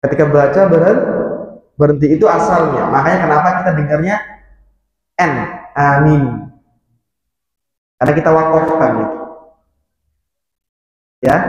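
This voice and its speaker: A man teaching a mosque study class on Arabic grammar. He explains patiently, repeats key terms and chants verses slowly. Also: a little high. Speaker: religious teacher. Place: mosque hall. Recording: echoey mosque hall, dull lo-fi sound.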